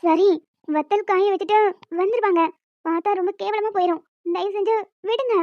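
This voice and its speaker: A woman voicing a shy but feisty young newlywed wife in an animated short, scolding and pleading with her husband. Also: very high-pitched, moderate pace, dry recording, muffled recording. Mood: flustered scolding. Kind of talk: cartoon voice acting.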